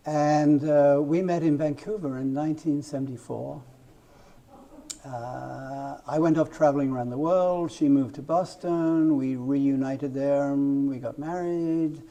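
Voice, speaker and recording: A man's voice: fairly high pitch, steady tone, unhurried, mellow, lo-fi sound. Rambling older English-accented man. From Wales. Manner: rambling and self-deprecating, with many restarts. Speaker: guest author. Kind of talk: casual interview.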